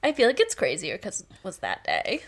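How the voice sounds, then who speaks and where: A woman's voice: mid-range voice, wildly swooping pitch, fairly quick. A woman co-hosting a podcast, rambling and giggling through a casual chat about a TV episode. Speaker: podcast co-host.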